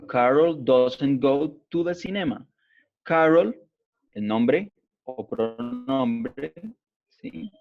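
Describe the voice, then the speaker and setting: Guy teacher explaining grammar real slow, keeps checking everyone gets it, muffled lo-fi audio. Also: mid-range voice, no echo. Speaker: English teacher. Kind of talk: remote class explanation. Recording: dull lo-fi recording.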